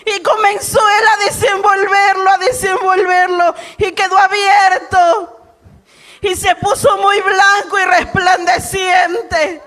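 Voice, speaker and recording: A woman preaching her testimony in a fervent, shouting and tearful manner. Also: very high-pitched, level tone, slow pace, big-room sound.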